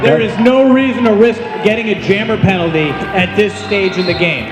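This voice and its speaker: Very high-pitched, loud man commentating on sport. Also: normal speed. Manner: emphatic, projecting loudly. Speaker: roller derby announcer. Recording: very echoey hall, loud music and crowd.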